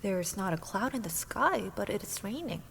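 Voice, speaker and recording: A woman voicing a small, polite male bird in a whispered role-play, with a soft, lightly raised whisper. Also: mid-range voice, very animated, moderate pace, creaky, a little hiss or hum. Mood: puzzled.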